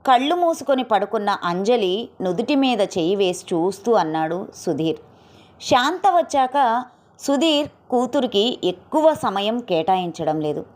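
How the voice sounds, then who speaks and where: A woman narrating an audio story in a steady, emotive reading style. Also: fairly high pitch, measured pace.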